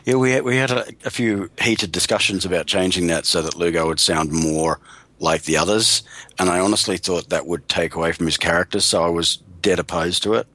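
A man's voice: deep voice, brisk, sharp tone, dry recording. A man being interviewed as an actor guest, telling emphatic stories in a casual chat.

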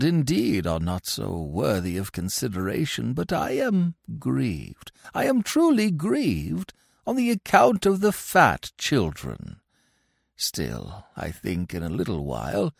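A man voicing an old, hypocritical male crocodile who speaks gently and preachily, drawing out his words. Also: mid-range voice, creaky, no room sound, clean studio sound, pitched above the performer's own voice, full character voice.

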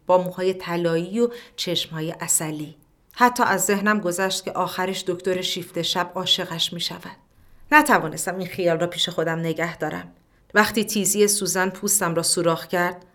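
A woman narrating a literary story in a somewhat low voice. Her reading is calm and measured, and it sinks into a hush for the quieter inward passages.

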